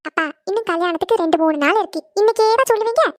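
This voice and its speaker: A woman voicing a squeaky pouty young bride. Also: a little mellow, no room sound, studio quality. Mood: reassuring. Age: young adult. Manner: quick, high and pouty. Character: spoiled young bride from a rich family. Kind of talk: cartoon voice acting.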